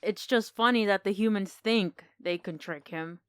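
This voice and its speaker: A woman co-hosts a podcast, chatting casually about films and retelling things with enthusiastic expression. Her voice is medium-pitched, smooth, and a bit bright, at a normal speed with no echo.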